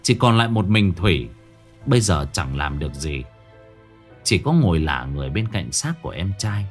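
A man's voice: low voice, big pitch swings, normal speed, faint music behind. A man narrating a ghost story in a dramatic storytelling manner.

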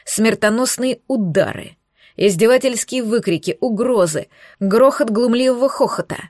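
A woman narrating a fantasy audiobook in the first person, reading in a lively, dramatic way. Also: fairly high pitch, normal speed, no echo, studio quality.

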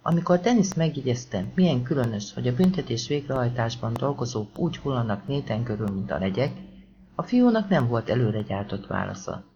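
A man reading an audiobook in a steady, measured storytelling manner. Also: medium pitch. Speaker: audiobook narrator. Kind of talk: scripted audiobook narration. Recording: dull lo-fi audiobook recording.

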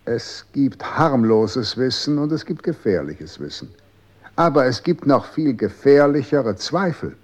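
An actor playing a cold, condescending official in a 1960s radio drama, calm and authoritative. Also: male voice, mid-range voice, unhurried.

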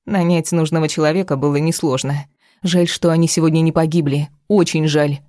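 A bitter, tearful wife from an audiobook pleads and spits venom, as a woman reader plays her. Her voice is low and mellow. The sound is dry and close. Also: fairly even intonation, fairly quick, no room sound, natural voice. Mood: spiteful pleading. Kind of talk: audiobook character reading.

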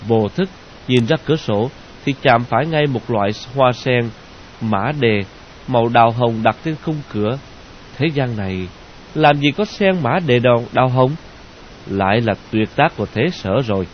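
A man narrating a novel in a slow, measured way. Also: mid-range voice, lively intonation. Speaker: audiobook narrator. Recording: dull lo-fi audio with hiss.

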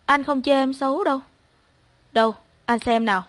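A soft, coaxing young man, voiced by a woman. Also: high-pitched, normal speed, no echo. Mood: tender, pleading. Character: gentle devoted young man pleading tenderly.

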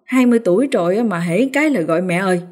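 A woman's voice: medium pitch, lively intonation, rapid-fire, darkish tone, close to an everyday voice. Woman voicing a brash bossy young village man.

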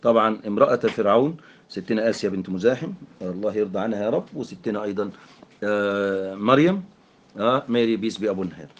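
Egyptian man, lower voice, brisk explanatory teaching delivery, English terms mixed in. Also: lo-fi sound. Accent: Egyptian Arabic. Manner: explanatory, mixes English terms, frequent fillers. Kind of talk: English grammar lesson explained in Arabic.

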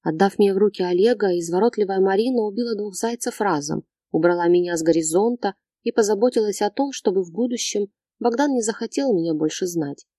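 A woman narrating a novel in the first person in a steady, measured reading. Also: medium pitch, no room sound, clean studio sound. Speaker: audiobook narrator.

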